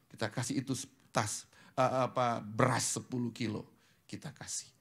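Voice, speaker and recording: A male pastor preaching a sermon in a church, mixing in English words and swinging between hushed whispers and loud exclamations. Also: mid-range voice, little pitch movement, normal speed, creaky, slightly rough.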